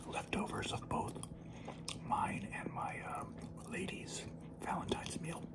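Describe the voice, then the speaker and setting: A person whispering in a breathy, unvoiced voice, chatting casually and informally as the host of an ASMR eating video. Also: slow.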